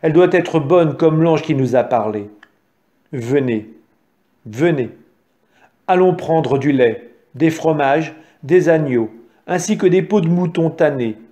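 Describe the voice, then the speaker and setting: A man reading as a gentle, humble shepherd. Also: fairly high pitch, expressive, slow pace. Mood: earnest. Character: humble kind male shepherd, adult. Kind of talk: storybook reading.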